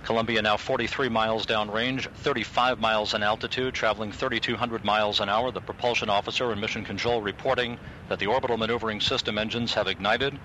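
A man's voice: steady tone, fast talker, pushed and bright. A man giving factual, procedural live flight commentary from mission control. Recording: clearly noisy broadcast with rumble.

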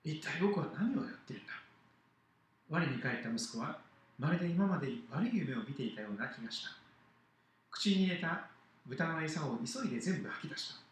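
Man, pastor, animated storyteller, slightly high voice, very echoey live hall. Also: fairly quick. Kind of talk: storytelling sermon for children.

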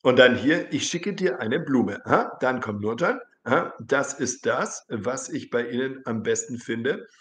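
A man runs a relaxed live German lesson. He reads viewers' sentences aloud, fixes their grammar and bids them goodnight one by one. His voice sits in the middle range and rings in a roomy, echoey space. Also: mid-range voice, measured pace, few pauses. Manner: friendly, repeats viewers' sentences and corrects them; says goodbye to viewers one by one. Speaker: German teacher. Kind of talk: casual live-stream lesson, reading viewer comments.

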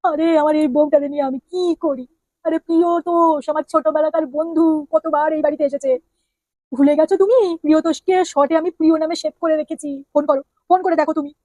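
A woman's voice: high voice, fairly even intonation, fast talker, dark tone, dry recording, close to an everyday voice. A woman voicing a harried husband who keeps making defensive excuses in a comedy skit. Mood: pleading. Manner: pleading, defensive.

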